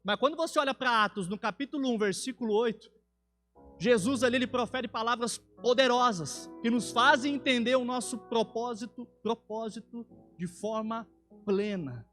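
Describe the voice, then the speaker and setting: Earnest high-voiced Brazilian preacher. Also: male voice, moderate pace, fairly bright tone, soft background music. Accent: Brazilian Portuguese. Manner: earnest, builds to emphatic peaks. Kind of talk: sermon. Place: church.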